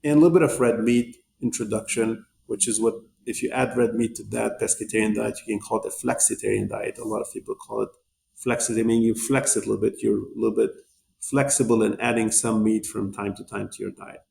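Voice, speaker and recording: A nutrition company executive appears as a podcast guest, explaining things in a rambling, conversational interview style and often repeating words as he restarts phrases. His voice is lowish, darkish and level, with vocal fry and a fast pace, over slight background noise.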